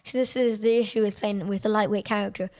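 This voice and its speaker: A woman streamer chatting through a racing game, excitable and quick to laugh at her own mistakes. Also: medium pitch, faint music behind. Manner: chatty, excitable and self-deprecating. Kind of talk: live-stream gameplay commentary.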